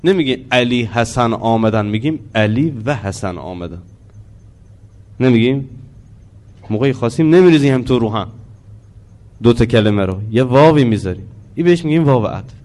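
A man teaching a religious lesson on the Quran. He explains slowly, asks the listeners questions and chants Arabic verses in a drawn-out voice. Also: mid-range voice, expressive, a little mellow.

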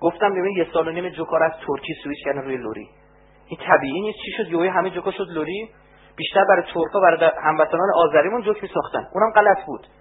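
A man giving a religious lecture, animated and rising to emphatic outbursts. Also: a little high. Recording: tinny phone-like band with faint hum.

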